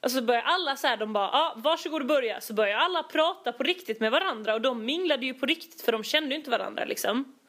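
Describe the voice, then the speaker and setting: A young woman chatting casually, animated, acting out quoted exchanges with many fillers. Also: sits high. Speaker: storyteller in casual chat. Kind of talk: casual chat.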